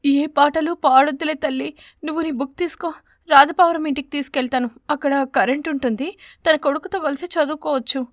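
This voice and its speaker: A woman's voice: high voice, fairly even intonation, a little fast, dry recording, studio quality, voice pushed up, close to an everyday voice. Woman doing a weary mother sparrow.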